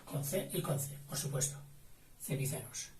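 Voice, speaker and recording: A man giving a slow spelling dictation, breaking words into syllables and spelling out letters, recorded from a distance in a noisy, roomy space. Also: on the high side, animated.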